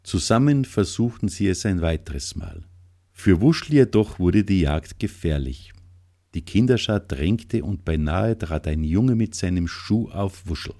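A man narrates a children's storybook calmly and gently. His voice is deep and mellow, and he reads at an unhurried pace.

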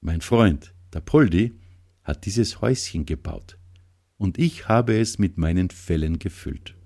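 A man voicing a kindly middle-aged male farmer in a storybook, speaking in a warm, fatherly way. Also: deep voice, expressive, measured pace, exaggerated voice. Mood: fond.

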